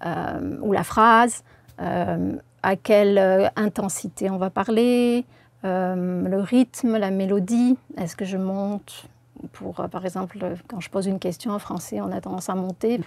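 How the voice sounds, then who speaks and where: A woman linguistics professor giving careful, measured explanations in an interview, with frequent hesitations. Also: mid-range voice, steady tone, creaky.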